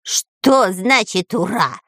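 A woman voicing a sly, lying male spy in a nasal, drawn-out whiny voice for a storybook. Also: medium pitch, expressive, a bit bright, dry recording, voice pushed up.

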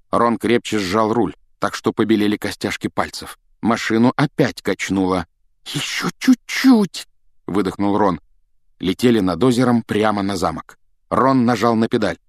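A man reading an audiobook aloud with expressive, dramatic storytelling on a close mic. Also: on the low side, no echo. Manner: dramatic storytelling, voices characters. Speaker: audiobook narrator.

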